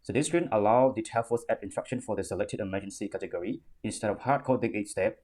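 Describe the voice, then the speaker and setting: Low-pitched young man presenting. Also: quick pace, darkish tone. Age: young adult. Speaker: student presenter. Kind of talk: prepared technical presentation.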